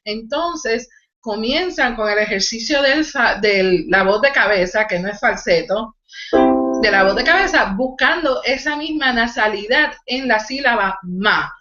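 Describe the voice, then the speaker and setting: A woman's voice: on the high side, expressive, a little slow, echoey room, lo-fi sound, loud music behind the voice. A woman vocal coach teaching a live online singing lesson, explaining technique and demonstrating nasal exercises. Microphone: video call.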